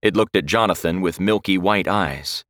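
A man reading a horror story aloud in slow, dramatic scripted narration. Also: low-pitched, fairly bright tone, no echo, clean studio sound.

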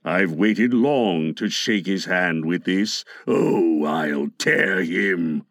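A man voicing a menacing, brooding pirate captain in a storybook reading, slow, dark and dramatic. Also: low voice, dry recording, clean studio sound, voice pushed down, exaggerated voice. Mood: vengeful, bitter.

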